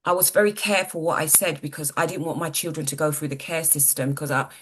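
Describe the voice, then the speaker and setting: A woman in her sixties, telling her story earnestly as an interview guest, halting and repeating words. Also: sits low, fairly even intonation, slight background noise. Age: 60s. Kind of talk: personal testimony in an interview.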